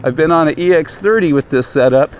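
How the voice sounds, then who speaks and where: A man's voice: a little high, fairly quick. A man chatting casually to camera and thinking aloud from inside a helmet as he rides outdoors, with wind noise. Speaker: vlogger riding an electric unicycle. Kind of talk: casual vlog chat while riding. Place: outdoors on a moving electric unicycle, inside a helmet.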